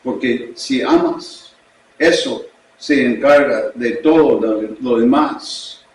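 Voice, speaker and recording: Slow-preaching pastor with an English accent. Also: male voice, mid-range voice, a little hiss or hum. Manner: slow, deliberate preaching in a learned second language. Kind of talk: sermon. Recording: echoey room, distant mic.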